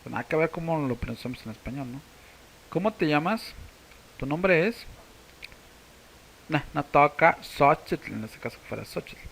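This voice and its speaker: A man with a Mexican Spanish accent, teaching a language casually to camera and slowly repeating words for practice. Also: fairly high pitch, expressive, gravelly, a bit bright, slight background noise, poor audio.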